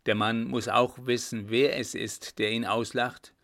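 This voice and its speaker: A man voicing a sly, cheeky coachman who talks calmly and teasingly. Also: medium pitch, measured pace.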